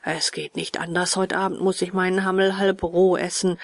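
A woman doing a gruff, barking puppet-theatre boss. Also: fairly low pitch, level tone, moderate pace, no room sound, studio quality. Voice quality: rough, barking voice. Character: gruff bearded male puppet-theatre director, harsh but soft-hearted.

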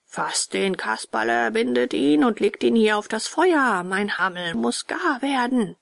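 A bearded male puppet-theatre director barks out his words in a rough, gravelly voice, as a woman reading a storybook puts him on. He sounds stern and harsh, with a soft heart underneath. The recording is close and dry. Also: fairly high pitch, lively intonation, a little slow, no room sound, full character voice. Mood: gruff. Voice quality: rough, barking voice.

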